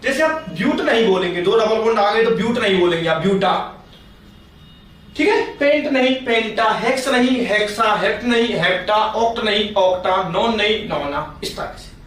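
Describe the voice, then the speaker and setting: A man's voice: sits high, lively intonation, brisk, few pauses, fairly bright tone. A man teaching a chemistry class, patient, repeating points and asking his students questions. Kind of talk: classroom lecture. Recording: very echoey room, distant mic, faint noise.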